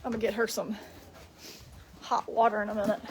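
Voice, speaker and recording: A woman livestreams from a farm and barn, chatting casually as she does chores, with background noise around her. Her medium-pitched voice moves little in pitch and runs a little fast, though she shifts to a sing-song voice when talking to her animals.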